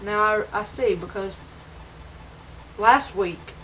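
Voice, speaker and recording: A woman's voice: mid-range voice, takes it slowly, sharp tone, a little hiss or hum. A young woman talking earnestly in a casual vlog, rambling and restarting her sentences, recorded on a camera mic at home. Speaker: vlogger. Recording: dull lo-fi home video.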